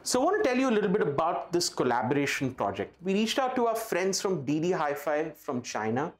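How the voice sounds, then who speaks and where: Presenting a product to camera for an audio retailer, a man with an Indian accent speaks enthusiastically and emphatically over background music. His voice is a little high and sing-song, moving a little fast.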